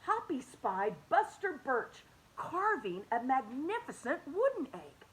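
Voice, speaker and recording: A woman reading a children's picture book aloud with a fairly high, very lively voice. She is animated and expressive, swinging up for excitement and dropping to soft, hushed tones. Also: slow, low-quality recording. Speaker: children's story reader.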